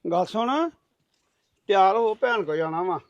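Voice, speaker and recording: A man's voice: high-pitched, unhurried, dry recording, highs cut off. An actor playing a stubborn, short-tempered middle-aged husband who scolds his wife. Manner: bossy, scolding.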